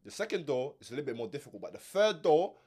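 A young man with a London roadman accent chats casually with friends in a voice that swings widely in pitch. He is insistent and slangy, repeating words and pushing to hold the floor. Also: big pitch swings, rapid-fire, a little mellow, slightly rough. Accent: London roadman, urban slang-heavy. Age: 20s. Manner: insistent, repeats words, talks over others. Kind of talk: casual banter, storytelling among friends.

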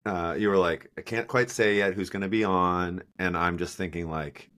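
A man's voice: low voice, fairly even intonation, moderate pace, fairly bright tone. A man co-hosting a running podcast in casual chat, playful and teasing. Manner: playful, teasing, acts out quotes. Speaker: podcast co-host.

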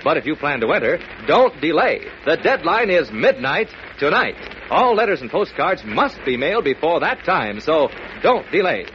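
A man's voice: fairly high pitch, big pitch swings, moderate pace. A man working as an old-time radio announcer, reading scripted program notices emphatically for young listeners. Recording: noisy muffled old radio broadcast.

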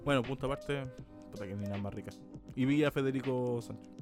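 A young Chilean man co-hosting a podcast, chatting in an excitable, slangy and profane way. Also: medium pitch, fairly quick, over music. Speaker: podcast co-host. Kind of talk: casual chat.

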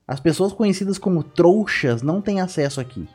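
A man's voice: sits high, lively intonation, fairly quick, darkish tone, slightly rough, soft background music. A man hosting a casual podcast quiz game, reading clues aloud in a playful, teasing way. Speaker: quiz host.

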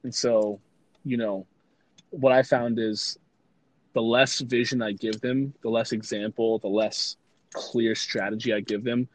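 A man's voice: medium pitch, fairly even intonation, unhurried. A man guest in a casual interview, easygoing and rambling with lots of fillers. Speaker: guest, brand consultant and content creator.

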